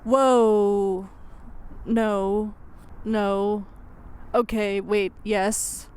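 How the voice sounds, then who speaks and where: Playful woman host with a mellow voice. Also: medium pitch, fairly even intonation, drawn-out words, clean tone. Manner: playful, teasing, over-the-top reactions. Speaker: comedy show host. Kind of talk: comic interview.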